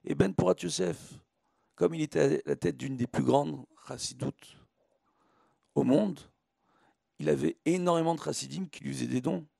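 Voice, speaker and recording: A man's voice: on the high side, moderate pace, creaky, long pauses, dark tone, husky, no echo, studio quality. A man giving a religious lecture as a rabbi, teaching emphatically with repetition and rhetorical questions. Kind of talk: religious sermon with everyday analogies.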